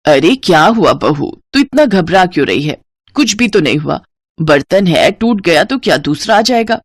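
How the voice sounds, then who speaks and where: A woman's voice: on the low side, animated, normal speed, husky, no echo, studio quality. A woman voicing a kind older mother-in-law in a Hindi horror storybook, speaking in a soothing, motherly way. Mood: tender.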